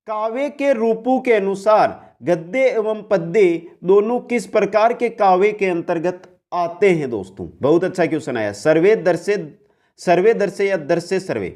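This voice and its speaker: A male teacher with a fairly high voice runs through quiz questions at a steady clip. He restates each question, explains it briefly, and names the right option. He speaks directly to his students as friends. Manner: brisk quiz-answering, repeats the question then gives the answer; often addresses listeners as friends. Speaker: exam-prep teacher. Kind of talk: online exam-prep lesson.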